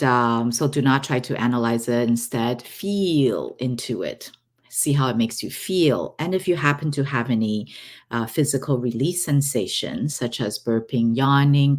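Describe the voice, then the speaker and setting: A woman giving a guided relaxation talk as an energy healer, halting and unhurried, with long pauses between phrases. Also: very deep voice, darkish tone. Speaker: energy healer hosting her own recordings.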